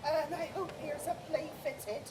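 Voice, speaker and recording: A woman's voice: high-pitched, fairly even intonation, measured pace, noisy background. A woman reading a flustered, eager director of amateur players in a comic play reading. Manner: flustered, eager, often laughing.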